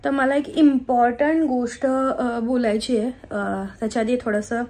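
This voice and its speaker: A woman's voice: on the high side, fairly even intonation, darkish tone. Chatty homemaker woman. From Maharashtra, India. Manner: chatty, with frequent pauses and fillers. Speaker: vlogger and homemaker. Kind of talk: casual vlog chat and voice-over. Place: home.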